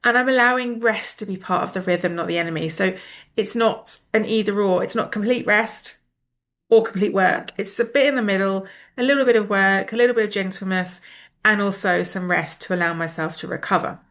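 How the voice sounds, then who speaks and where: A middle-aged woman with a blocked, nasal voice, sounding unwell and tired as she talks casually and reflectively to viewers with soft, low energy. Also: a little fast. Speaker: personal development coach and video host.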